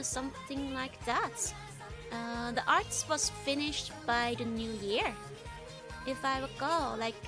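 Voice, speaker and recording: A female livestreamer, a virtual YouTuber host, chats casually with her viewers in a high, bright voice. She's bubbly and giggly, gushing as she talks.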